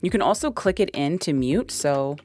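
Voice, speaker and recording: A woman's voice: low voice, animated, normal speed, a little mellow. A young woman giving a casual, chatty product walkthrough into a dynamic podcast mic, with plenty of fillers. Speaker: tech reviewer.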